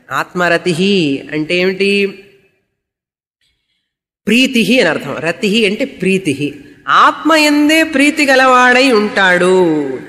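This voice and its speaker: Woman teacher explaining old sanskrit verses word by word, bright voice, echoey hall. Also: medium pitch. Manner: asks rhetorical questions and answers them. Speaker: spiritual teacher. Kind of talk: scripture lecture.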